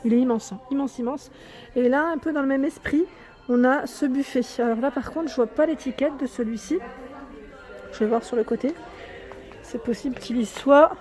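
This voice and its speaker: Chatty high-voiced woman touring a store. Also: normal speed, a little mellow. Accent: southern French. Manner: chatty, enthusiastic, many fillers and "hein". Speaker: home decor vlogger. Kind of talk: casual store walkthrough vlog. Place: furniture store showroom, indoors.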